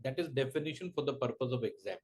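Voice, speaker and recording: A man giving a law coaching lecture, quizzing students and slowly dictating points word by word. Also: medium pitch, lively intonation, darkish tone, husky. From India. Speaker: professor.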